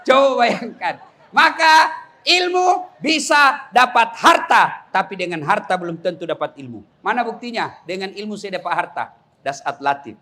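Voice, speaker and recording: A man preaching a comic sermon to young people, telling lively stories, mimicking voices and shouting. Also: sits high, normal speed.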